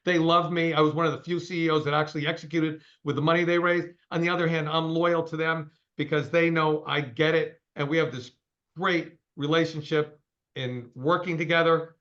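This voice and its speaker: A man's voice: on the high side, steady tone, fairly quick, fairly bright tone, lo-fi sound. A man in his sixties, a company CEO, giving a straight-talking, emphatic interview over a call. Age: 60s.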